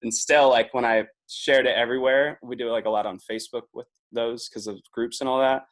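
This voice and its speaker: A man in his twenties talks as a podcast guest in a relaxed, meandering way. He laughs often and keeps reaching for "like" as he goes. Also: mid-range voice, a little fast. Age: 20s. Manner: chatty, laughs often, leans on filler "like". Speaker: podcast guest, video producer. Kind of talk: casual podcast chat.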